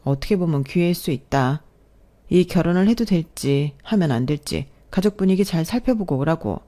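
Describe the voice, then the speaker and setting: A woman's voice: sits low, animated, moderate pace, dark tone. A woman voicing a divorced older sister who lectures her younger sibling in a blunt, cynical way. She reads it as part of a storybook-style narration.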